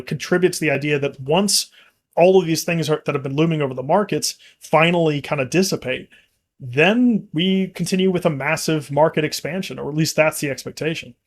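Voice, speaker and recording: A man co-hosting a casual market discussion, talking in long rambling runs full of restarts and fillers. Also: on the high side. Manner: rambling, frequent restarts and fillers, laughs easily. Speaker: company executive co-host.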